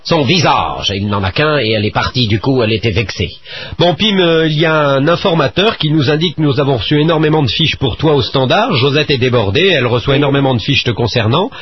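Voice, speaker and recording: A man's voice: mid-range voice, expressive, fairly quick, breathy edge, muffled recording. A man co-hosting a comic radio show, joking and asking mock quiz questions in a playful way. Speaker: radio host.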